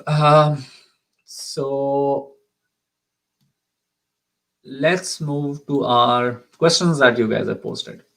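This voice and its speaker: A Pakistani immigration consultant runs a live Q&A, hesitating often with ums and restarts. His voice is medium-pitched and gravelly, and the recording is rough.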